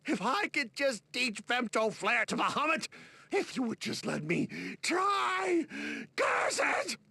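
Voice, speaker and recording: A woman's voice: high voice, very animated, takes it slowly, vocal fry, bright, forceful tone, breathy edge, dry recording, full character voice. A woman voicing a hot-headed young male mad mage villain in a video game, theatrical and indignant. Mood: desperate, cursing. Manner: theatrical, indignant, stammering outbursts.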